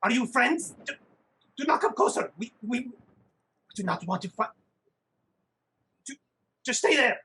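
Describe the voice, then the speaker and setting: Jittery little gnome sentry with a high voice, put on by a man. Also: lively intonation, unhurried, long pauses, pushed and bright, heavily acted. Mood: nervous. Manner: stammering, nervous.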